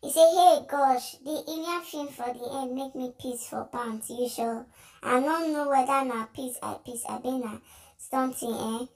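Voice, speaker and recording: A woman's voice: high-pitched, moderate pace. A woman with a Nigerian accent giving chatty commentary on social media videos, reading out comments and laughing often. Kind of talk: casual commentary in Pidgin.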